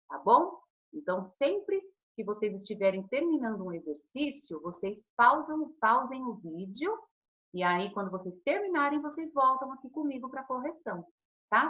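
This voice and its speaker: A Brazilian woman teaching children in a recorded online lesson, her pitch rising and falling with animation. She speaks patiently and affectionately and draws words out slowly, and the sound is dull and lo-fi. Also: fairly bright tone. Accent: Brazilian Portuguese. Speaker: primary school teacher.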